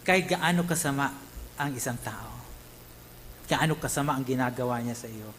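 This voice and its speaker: A man from the Philippines, a pastor, preaching in an animated way, mixing in English and asking his listeners questions as he goes. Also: mid-range voice, moderate pace, slight background noise, low-quality recording. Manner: animated, mixes English, tag questions, acts out quotes. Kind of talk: Tagalog sermon.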